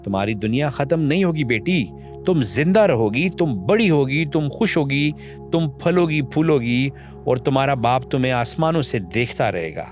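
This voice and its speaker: A man's voice: medium pitch, lively intonation, faint music behind, close to an everyday voice. A man voicing a young father soothing his daughter as he prepares to sacrifice himself. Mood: desperate tenderness. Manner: soft, tender, breaking with tears. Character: young widowed father, tender and grieving.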